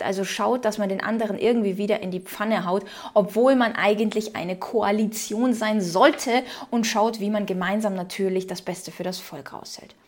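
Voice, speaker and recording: A woman from Ukraine hosting casual political commentary, reading out news quotes and reacting with her own opinions. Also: medium pitch.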